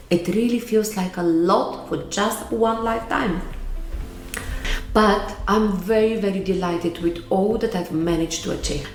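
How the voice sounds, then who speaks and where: A woman's voice: medium pitch, darkish tone. Earnest Bulgarian-accented woman, echoey room. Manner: earnest, emphatic, repeats key words. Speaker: vlogger giving life advice. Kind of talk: motivational talk to camera.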